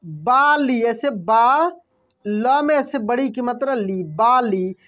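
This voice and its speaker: A man teaching a language lesson, repeating each example word slowly and clearly and quizzing himself with short questions before answering. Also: extremely high pitch, animated, a bit bright. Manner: drills words by repeating them with quick self-questions. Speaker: Hindi teacher. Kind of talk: classroom-style lesson.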